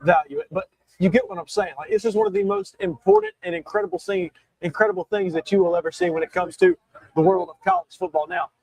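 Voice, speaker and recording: A man's voice: high voice, big pitch swings, fast talker, creaky, darkish tone, no echo, low-quality recording. A young man hosting a solo sports talk show, talking emphatically with frequent restarts and self-corrections while he has the hiccups. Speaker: show host.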